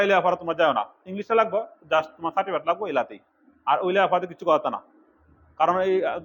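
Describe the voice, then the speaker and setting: A middle-aged man from Bangladesh lectures his computer class at a rapid clip, his voice sitting fairly high. He scolds and urges the students in turn. The recording is dull and lo-fi. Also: a little hiss or hum. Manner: fast, scolding and exhorting. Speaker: computer course instructor.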